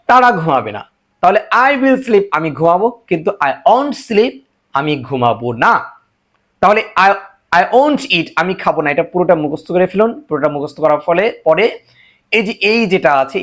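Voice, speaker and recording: A man teaching a spoken English lesson, a Bengali speaker who repeats example sentences slowly and translates each one. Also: high voice, a bit bright.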